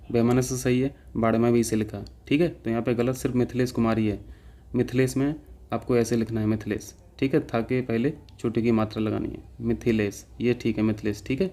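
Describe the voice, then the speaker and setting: A man's voice: mid-range voice, dark tone. A man teaching an exam-prep class, walking through answers step by step and checking in with students again and again. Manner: explains step by step, keeps checking with "ठीक है".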